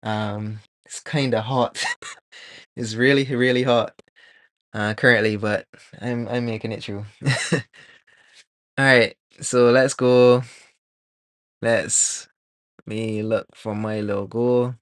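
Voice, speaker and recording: A man from Barbados, streaming live as a 3D artist, chatting casually and thinking aloud with many pauses and fillers while he works. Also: mid-range voice, no room sound, studio quality. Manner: relaxed, rambling, thinks aloud with many ums.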